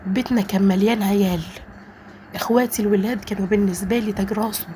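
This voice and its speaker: A woman's voice: medium pitch, fairly even intonation, racing, warm tone, a little hiss or hum. Earnest Egyptian woman telling a story. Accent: Egyptian Arabic. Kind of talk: first-person story narration.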